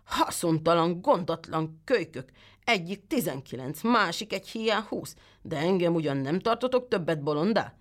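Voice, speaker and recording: A woman's voice: on the low side, animated, close to an everyday voice. Woman doing a hot-tempered old tailor. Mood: angry. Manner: sharp exclamations and angry scolding. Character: quick-tempered old male tailor, suspicious.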